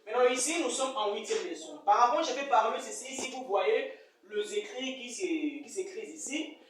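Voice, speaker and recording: A woman's voice: fairly high pitch, lively intonation, moderate pace, a little hiss or hum. A woman teaching an English lesson, leading methodical repeat-after-me drills. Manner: methodical, repetitive, instructive. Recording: very echoey room, voice far from mic.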